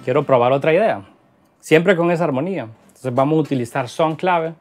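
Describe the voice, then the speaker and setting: A man's voice: on the high side, a little fast. A man teaching a guitar lesson in Spanish, explaining rhythm patterns and counting beats aloud as he plays. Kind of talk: instructional lesson. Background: guitar playing.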